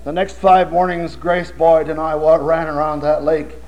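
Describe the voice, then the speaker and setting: A man's voice: fairly high pitch, steady tone, normal speed, a little mellow, low-quality recording. An older man preaching a sermon with impassioned rhetorical questions and humorous stories. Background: audience laughter.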